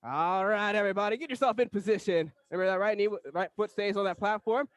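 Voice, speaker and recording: A man coaching a fitness class as an energetic, motivational aerobics instructor, calling out exercise cues and countdowns. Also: high-pitched, quick pace.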